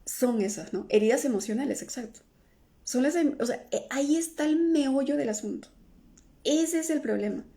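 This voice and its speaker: A middle-aged woman with a soft, mellow voice gives a live-stream talk as an emotional healing coach. She keeps checking in with her listeners, tagging almost every phrase with "¿no?" or "¿sí?", and answers comments as they come in. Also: high-pitched, normal speed. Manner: tags nearly every phrase with "¿no?" or "¿sí?"; answers viewer comments aloud.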